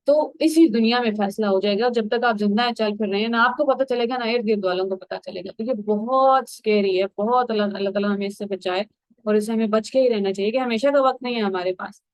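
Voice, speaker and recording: A woman's voice: fairly high pitch, no echo, low-quality recording. A woman giving a Quran commentary lesson, explaining earnestly in a conversational way and slipping in English words. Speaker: Quran teacher.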